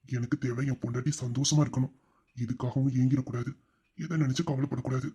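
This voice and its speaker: A man voicing a doting young husband in a romantic audio drama, swinging from playful bluster to soft tenderness. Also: a little high, moderate pace. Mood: tender. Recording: dull, lo-fi recording.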